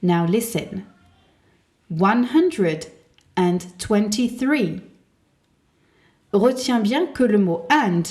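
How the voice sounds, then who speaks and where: Slow, very deliberate woman teaching English. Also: mid-range voice, darkish tone. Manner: slow and carefully enunciated, modelling words to repeat. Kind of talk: slow, deliberate language lesson.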